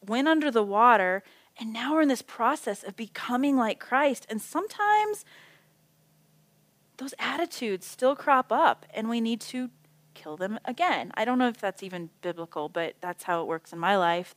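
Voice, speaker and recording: A woman's voice: a little high, expressive, moderate pace, a bit bright. A middle-aged woman leads a small group Bible study in a casual, chatty voice. She drifts into stories and self-deprecating side remarks. The sound is dry and close, with no room echo. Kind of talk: casual teaching talk. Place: small indoor group meeting.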